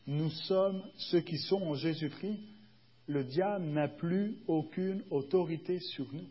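Un homme qui prêche un sermon sur un ton de conversation et qui demande souvent à l'assemblée si elle le suit. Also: male voice, a little high, breathy edge, dull audio. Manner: conversational, often checks the congregation is following; acts out little dialogues with shifts of tone. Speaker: preacher. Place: church.

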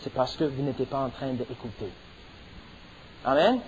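A man's voice: mid-range voice, fairly even intonation, brisk, a little mellow, breathy edge, muffled recording. A middle-aged man preaching a sermon as pastor, stressing points and punctuating them with amens. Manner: preaching with rising emphasis and repeated amens.

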